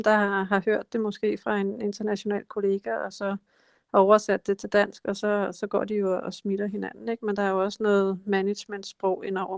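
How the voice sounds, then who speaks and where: A woman's voice: medium pitch, no room sound. A woman guest in an interview, explaining how politicians use language, hesitant with frequent fillers. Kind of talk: conversational interview.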